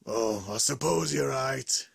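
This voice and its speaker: Host doing a slow, gravelly deadpan contestant. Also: medium pitch, no echo, clean studio sound, voice pushed down, exaggerated voice.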